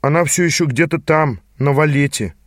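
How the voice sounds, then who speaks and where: A man's voice: fairly high pitch, normal speed, dry recording, clean studio sound, close to an everyday voice. A man reading an audiobook and voicing a nervous young male apprentice magician who stammers and makes excuses. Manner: hesitant, stammering, defensive. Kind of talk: audiobook character voice.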